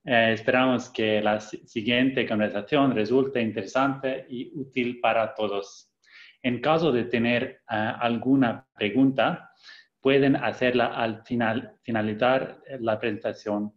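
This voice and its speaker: A man's voice: mid-range voice, fairly even intonation, measured pace. Young man hosting a webinar, polite and formal. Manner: polite and formal, with hesitant fillers and self-corrections. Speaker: webinar host. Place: indoor room, on a video call. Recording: roomy, dull video-call audio.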